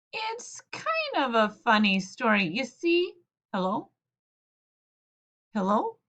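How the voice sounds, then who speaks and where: A woman's voice: on the high side, bright, forceful tone, lo-fi sound, heavily acted. A woman doing a flustered, bumbling uncle. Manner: sheepish, hesitant, lots of "uh". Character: flustered middle-aged man, bumbling uncle phoning for help. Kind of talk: storybook read-aloud.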